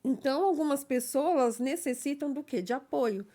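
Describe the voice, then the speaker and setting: A woman with a fairly high voice speaks as an interview guest. She explains in a measured way, with small fillers and frequent check-ins with the listener. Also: warm tone. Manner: explains carefully, often adding a checking "né?". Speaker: guest, legal assistant. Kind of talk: personal conversational interview.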